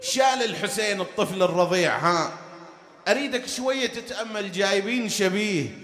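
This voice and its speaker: A man's voice: sits high, a little fast, a bit bright, reverberant, long reverb tail. A man preaching a mourning sermon, moving between storytelling and chanted elegy. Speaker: religious orator.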